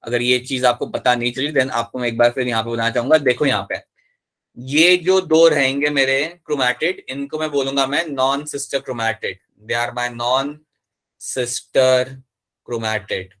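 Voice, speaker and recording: A man's voice: mid-range voice, steady tone, normal speed, a bit bright. A man teaching biology in a live online class, explaining step by step, repeating key terms and checking that his students follow. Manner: switches between Hindi and English mid-sentence.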